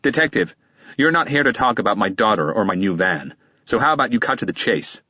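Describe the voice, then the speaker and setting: Man voicing a clipped defensive lawyer, husky low voice, dry muffled audiobook sound. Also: lively intonation, fairly quick, pushed and bright, no echo. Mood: curt, guarded. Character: guarded middle-aged male lawyer, curt and defensive.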